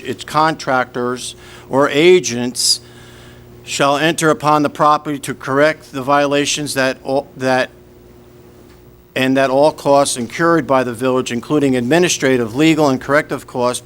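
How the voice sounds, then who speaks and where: A man's voice: mid-range voice, fairly bright tone, smooth. A man chairing a village board meeting, formally reading resolutions and running procedure. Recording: noisy public meeting room recording.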